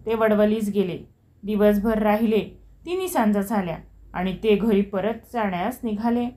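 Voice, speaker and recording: A woman narrating an audiobook with a measured, expressive reading. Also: mid-range voice. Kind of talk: storybook narration.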